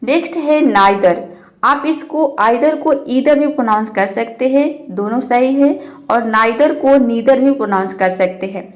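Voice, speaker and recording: A woman teaching English pronunciation in Hindi, spelling out letters and repeating each example word slowly and patiently. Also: a little high. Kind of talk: Hindi-language pronunciation lesson.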